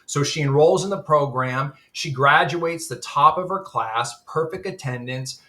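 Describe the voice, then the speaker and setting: A man's voice: on the high side, measured pace, bright, forceful tone. A man telling earnest stories as a guest in a casual webinar interview. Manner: earnest storytelling. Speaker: guest, admissions executive.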